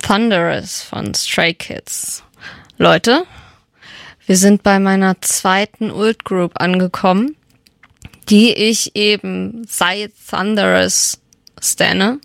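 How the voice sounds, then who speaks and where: A young woman hosting a radio show, talking in an unhurried, gravelly way. Her chat is eager and full of fan enthusiasm and little fillers. The sound is dry and close, with no room around it. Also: mid-range voice, steady tone, no room sound. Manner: chatty, enthusiastic fan talk with many fillers. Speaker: radio host. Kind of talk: casual radio chat about K-pop.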